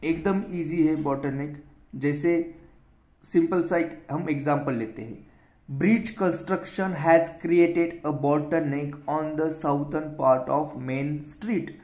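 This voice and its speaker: A man's voice: on the high side, a little mellow, roomy sound. An Indian man teaching English vocabulary in a casual spoken lesson, spelling words out letter by letter and explaining them in Hindi. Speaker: vocabulary teacher for exam prep.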